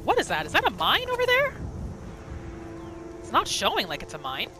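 Over video game music and sounds, a woman gives reactive commentary as she narrates a roleplay playthrough, exclaiming, asking rhetorical questions and speaking for the character. Her voice sits high, swoops wildly in pitch and is bright and forceful, delivered at normal speed.

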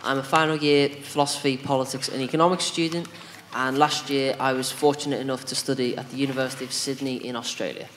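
Young man from the UK, student panelist, relaxed; big hall reverb. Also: mid-range voice, quick pace, slight background noise. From United Kingdom. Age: young adult. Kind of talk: casual panel answer. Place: large lecture hall stage.

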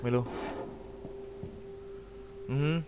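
Excitable, cursing male gamer with a cold. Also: extremely slow, background noise. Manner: excitable, cursing, loud outbursts. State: has a slight cold. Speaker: gaming channel host. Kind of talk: let's-play commentary.

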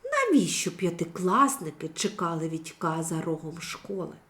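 A woman teacher giving a recorded reading lesson for young children, speaking clearly and instructively. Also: on the low side, wildly swooping pitch, sharp tone. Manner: slow, clearly articulated, instructive. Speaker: primary school teacher.

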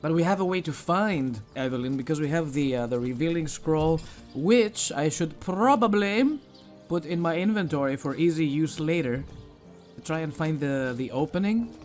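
High-voiced man doing gameplay commentary. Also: moderate pace, a little mellow. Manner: reactive, thinking aloud. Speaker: gaming video host. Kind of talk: casual playthrough commentary. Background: game music.

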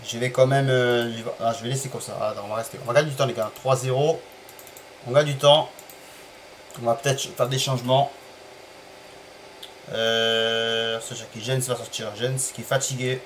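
A man streaming a football management game live, chatting to viewers, apologizing for stream bugs and calling plays with bursts of excitement. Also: medium pitch, moderate pace, long pauses, a little hiss or hum, low-quality recording. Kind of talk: live gameplay commentary.

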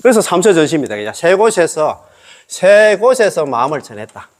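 Male monk, fairly high voice, very lively pitch, casual lecture, chuckles and quizzes listeners. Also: moderate pace. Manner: chatty, checks listeners with tag questions, chuckles often. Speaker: Buddhist monk teaching.

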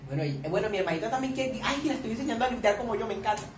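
Excitable Colombian coast man, a reaction vlogger who shrieks and curses, high and animated, mic distant in a boomy room. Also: rapid-fire. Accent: Colombian Caribbean coast. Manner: excitable, swears a lot, shrieks and squeals. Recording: echoey room, distant mic, faint noise.

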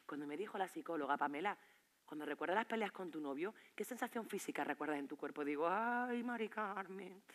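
A woman performing a theatrical stage monologue, talking straight to the audience and swinging between hushed lines and loud outbursts. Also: deep voice, fast, a little hiss or hum. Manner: emphatic, swings from hushed to shouting, addresses audience.

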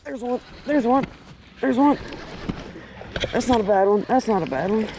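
A young adult American man with a very high-pitched, animated voice talks at a moderate pace in a folksy, casual fishing vlog, repeating short phrases. He's out on a small boat on a lake, recorded on an action camera worn or held at arm's length, with boat and outdoor noise in the background.

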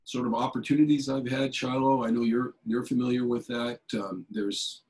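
Speaking over a webcam on a video call from his home office, a middle-aged keynote speaker and elected official rambles through answers to interview questions, with plenty of fillers and restarts. His mid-range voice holds a steady tone at a moderate pace and has a slightly mellow quality.

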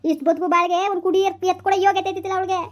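A woman plays a dramatic village mother-in-law who laments loudly and scolds her son in a high, quick voice. She rattles on fast and turns every quarrel into a tragedy. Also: flat delivery. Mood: lamenting. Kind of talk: village comedy skit.

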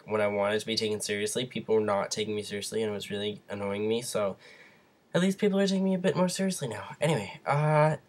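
A young man with hiccups, giving a rambling casual update to viewers on his computer's mic at home. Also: lowish voice. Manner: rambling, restarts, frequent fillers. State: has hiccups; sick. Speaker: vlogger. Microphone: computer webcam mic.

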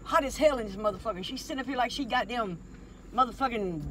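A middle-aged woman scolding and swearing loudly at her daughter from inside a parked car. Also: on the high side, fast, noisy background. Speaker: prankster's mother. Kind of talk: heated profane scolding in a car.

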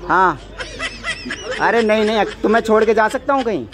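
Young man loudly faking a phone call. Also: high-pitched, expressive, moderate pace. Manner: loud, talking to a phone, cooing and coaxing. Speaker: prankster. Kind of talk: fake phone call prank. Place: metro train. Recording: busy crowd and loud noise behind.

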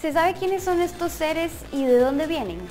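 A young female TV presenter reads polite, scripted introductions in the studio. Her voice is quite high, with soft music playing behind her. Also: measured pace. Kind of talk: news presenting and interviewing. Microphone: lapel.

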